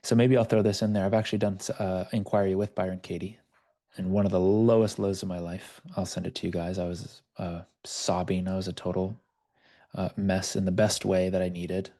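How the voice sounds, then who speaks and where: Gravelly man coaching over a video call. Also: sits low, level tone, brisk, warm tone. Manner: conversational, storytelling. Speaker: life coach. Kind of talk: online workshop teaching.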